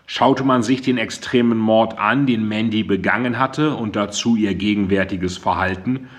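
A man narrating a crime novel in a measured, dramatic way. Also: fairly low pitch. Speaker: audiobook narrator. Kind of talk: scripted narration.

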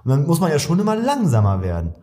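A man's voice: on the high side, huge pitch swings, fast talker, mellow. A young man in his twenties co-hosting a casual pub-style podcast chat, earnestly arguing his point at length. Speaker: podcast co-host.

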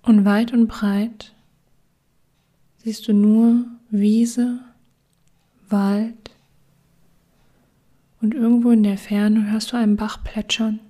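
A woman guiding a relaxation meditation in a soft, soothing whisper. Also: a little high, flat delivery, takes it slowly, long pauses. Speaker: meditation guide.

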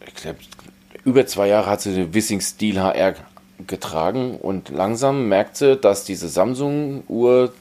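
A man's voice: on the low side, lively intonation, unhurried, mellow. A man co-hosting a casual tech podcast, explaining in a matter-of-fact way. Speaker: podcast co-host.

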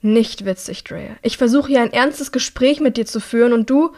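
A woman's voice: a little high, normal speed, a little mellow, lightly acted. A woman reading an audiobook, voicing a young man who pleads with his sister in an earnest, worried way. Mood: annoyed. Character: worried caring young brother.

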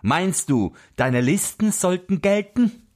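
A man's voice: sits high, very animated, takes it slowly, darkish tone, voice pushed up, heavily acted. A man voicing a flock of indignant, angry birds in a storybook reading.

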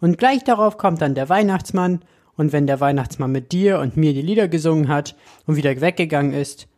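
A man's voice: on the high side, animated, fairly quick, darkish tone, voice pushed up, close to an everyday voice. A man voicing a curious young boy who keeps asking eager questions in a storybook reading.

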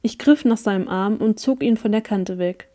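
A woman reads a first-person story aloud with an even, steady delivery. Her voice is warm and mellow, set at a middling pitch for a woman. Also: moderate pace. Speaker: audiobook reader.

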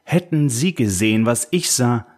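A man's voice: mid-range voice, expressive, normal speed, a little mellow, voice pushed up, lightly acted. A man reading an audiobook, voicing a worn-out female ex-detective who speaks bluntly and curtly. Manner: blunt, curt and cutting.

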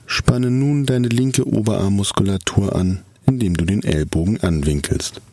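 A man with a lowish voice narrates a scripted guided relaxation exercise, speaking softly, calmly, and soothingly. He gives measured, drawn-out instructions, and the recording has no room sound.

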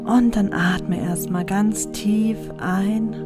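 A woman podcast host leading a guided relaxation in a soft, soothing, breathy voice that slips into a spa-like whisper. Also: mid-range voice, fairly even intonation, slow. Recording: music behind the voice. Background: New-age music.

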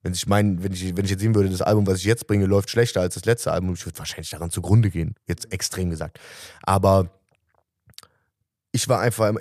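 A man's voice: low voice, a little mellow, no room sound, studio quality. A man in his thirties, a musician guest, talking earnestly and reflectively in a casual interview, often restarting his sentences.

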